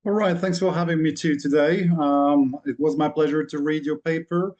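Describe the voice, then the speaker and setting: Hungarian man with a dark, mellow voice. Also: a little high, steady tone, highs cut off. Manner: measured, academic, with frequent restarts. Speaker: panel discussant. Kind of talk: webinar panel commentary. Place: Budapest, remote video call.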